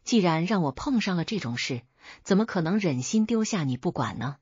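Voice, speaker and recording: A woman's voice: on the low side, lively intonation, a little fast, a little mellow, husky, no room sound, lo-fi sound. A woman voicing a kind-hearted young village man who stammers and turns shy with his sister-in-law, in a storybook reading. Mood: earnest.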